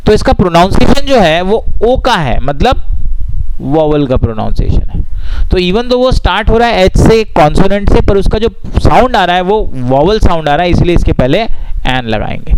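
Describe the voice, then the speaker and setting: A man with an Indian accent teaching grammar in a lesson, patiently asking and answering his own questions and reading rules out slowly. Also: high voice, heavy background noise. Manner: reads English rules slowly and deliberately. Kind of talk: explanatory lesson mixing Hindi and English.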